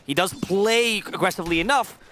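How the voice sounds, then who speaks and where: Man, esports caster, live commentary, rapid talk, slightly high voice, analytical, joking. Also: sharp tone, a little hiss or hum.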